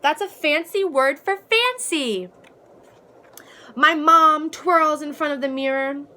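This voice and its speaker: A woman reading a children's storybook as an excitable, precocious little girl who adores being fancy, with a dramatic manner. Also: sits high, slow pace, voice pushed up, exaggerated voice. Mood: delighted. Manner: dramatic, precocious, proudly explaining fancy words. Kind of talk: children's storybook read-aloud.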